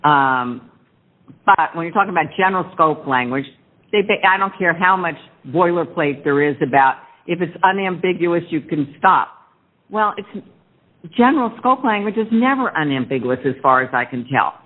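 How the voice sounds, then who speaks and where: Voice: mid-range voice, lively intonation, normal speed. Over a thin, phone-like line, a judge speaks from the bench. The delivery is informal and plain-spoken, questioning counsel directly. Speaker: presiding judge. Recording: thin phone-like courtroom audio.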